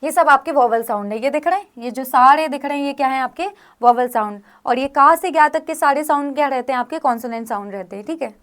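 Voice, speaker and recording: Lady teacher, fairly high voice, keeps asking "theek hai?" as she explains. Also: quick pace, few pauses. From India. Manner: frequent check-in questions to students. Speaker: grammar teacher. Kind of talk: explanatory classroom lesson.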